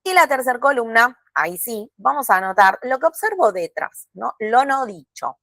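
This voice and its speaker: Woman, course instructor, calm and explanatory, dry close sound. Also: a little high, normal speed, no room sound. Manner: calm, explanatory, checks in with frequent tag questions. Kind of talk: recorded video lesson.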